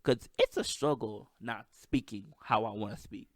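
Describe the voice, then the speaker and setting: A man's voice: on the low side, moderate pace, dry recording, clean studio sound. A man with a slight lisp and a stutter, hosting a casual solo podcast, hyped and self-deprecating. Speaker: podcast host. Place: at home with microphone.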